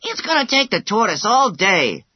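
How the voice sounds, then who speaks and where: A cocky, boastful hare with a high voice that leaps all over the place, as a man narrating a storybook puts him on. The tone is a little husky, and the sound is slightly dull and dry. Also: very animated, moderate pace, heavily acted. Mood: lazy, smug. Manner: high, mocking, laughing. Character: boastful young male hare, cocky and quick.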